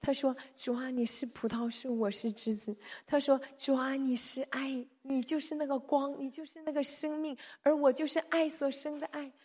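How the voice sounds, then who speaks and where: A woman preaching a sermon, telling stories in an animated, emphatic way with sudden loud peaks. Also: high-pitched, normal speed, hardly any pauses.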